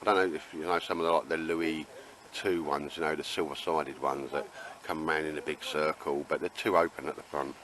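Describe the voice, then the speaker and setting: A man's voice: a bass voice, flat delivery, fairly quick, hardly any pauses, a crowd in the background, rough recording. A man with an Essex accent chatting casually and jokily as he hosts a vlog, with matey, laddish banter. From Essex, England. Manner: laddish and jokey, calls friends mate and sir. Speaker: vlog host filming a camping trip. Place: outdoors at a woodland campsite. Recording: outdoor recording with clear ambient noise.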